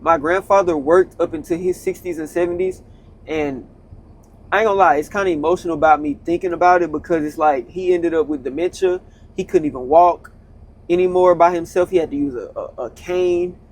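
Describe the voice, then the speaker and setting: This truck-driving vlogger in his twenties speaks a little fast as he gives his audience a casual pep talk from behind the wheel, using slang and circling back to the same points. His pitch runs a bit above the usual male range, and his tone stays easygoing and encouraging.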